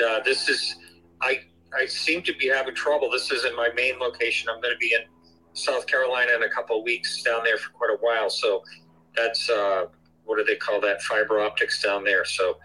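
A man calling in as co-host, heard through a phone on speakerphone, talking casually in a halting way with many fillers and restarts. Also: mid-range voice, steady tone, bright, forceful tone, poor audio. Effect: heard over a phone on speakerphone. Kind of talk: casual live chat.

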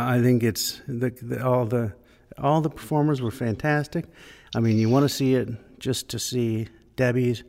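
Gravelly man in cathedral echo. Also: mid-range voice. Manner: relaxed, hesitant with many fillers. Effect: cathedral-like echo of an empty church sanctuary. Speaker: podcast co-host. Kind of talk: casual chat. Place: empty church sanctuary. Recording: echoey church hall reverb.

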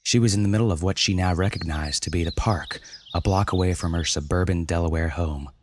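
A man reading a scripted fantasy story aloud in a dramatic, measured way. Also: low-pitched, a little hiss or hum.

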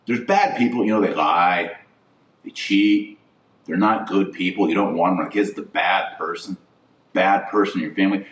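A man with a low voice, speaking at normal speed, hosts a podcast of opinionated religious commentary, sounding indignant and preachy and leaning hard on stressed words. He's recorded from a distance, off the mic, with roomy echo.

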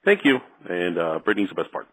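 A deep-voiced man leaves a voicemail for a show, halting and repeating words as he searches for his phrasing. He is from the Midwest, and the message has a lo-fi, radio-like sound. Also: huge pitch swings. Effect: leaving a voicemail. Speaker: caller.

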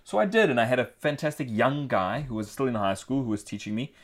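A man's voice: mid-range voice, sing-song, quick pace. A man from South Africa co-hosting an indie film podcast, telling stories in a rambling, casual way. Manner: rambling storyteller. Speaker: podcast co-host. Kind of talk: casual chat.

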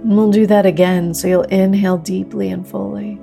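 A woman leading a guided meditation like a sleep story narrator, speaking gently and slowly with long pauses. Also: medium pitch, little pitch movement, vocal fry. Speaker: meditation teacher leading a group practice. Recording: new-age music under the voice. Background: soft new-age music.

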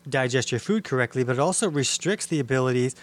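A man's voice: mid-range voice, lively intonation, fast. Man patiently explaining digestion. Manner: explains patiently, with frequent fillers. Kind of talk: casual explanatory chat.

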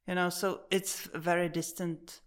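A woman's voice: lowish voice, little pitch movement, moderate pace. A woman painter from the Czech Republic, a native Czech speaker, talking in English in a casual interview in her studio, hesitant, with frequent restarts and small laughs.

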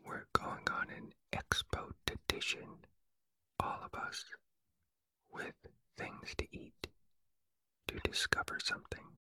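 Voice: extremely high pitch, level tone, slow, pauses often, sharp tone, exaggerated voice, low-quality recording. Storyteller as Winnie-the-Pooh, naive whispering bear. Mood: eager, muddled. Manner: whispered, simple, wondering. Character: naive, eager, muddled male toy bear.

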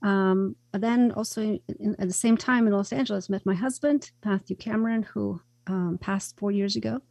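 A Croatian-born woman speaking as a radio guest, earnest and reflective, often pausing on fillers. Her voice is gravelly and mellow. The recording is close and dry. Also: medium pitch, no room sound. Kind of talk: interview.

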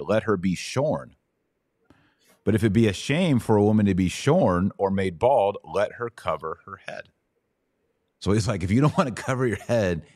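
A middle-aged male podcast host answers Bible questions in a live Q&A, teaching casually and explaining with paraphrased quotes in everyday words. His voice is low-pitched and a little mellow, recorded in clean studio sound with no echo.

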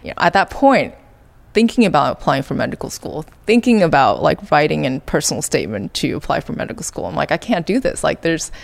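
Low, gravelly-voiced woman from Taiwan. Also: very animated, brisk. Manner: thoughtful, many "like" fillers. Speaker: guest artist. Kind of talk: reflective interview talk.

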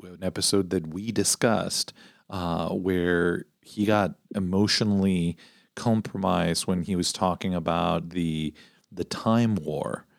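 A man's voice: low voice, no echo, clean studio sound. A man hosting a casual podcast discussion, earnest and hesitant, often restarting his sentences. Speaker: podcast host.

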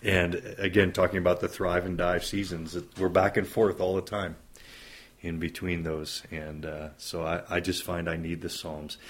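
A man's voice: low-pitched, little pitch movement, moderate pace. A man in his fifties who is a pastor, speaking earnestly and reflectively in an interview conversation and building lists for emphasis.

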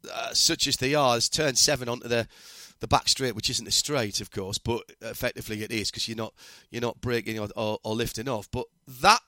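A man's voice: mid-range voice, bright, forceful tone, no room sound, clean studio sound. A man hosting a motorsport interview, chatty and asking long, rambling questions. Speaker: podcast host, interviewer. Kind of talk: conversational interview.

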